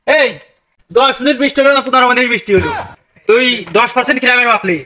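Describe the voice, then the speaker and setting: High-pitched boastful man in a village skit. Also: fast, a little hiss or hum. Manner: boastful, loud and teasing. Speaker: comedian in village sketch. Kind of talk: scripted village comedy skit.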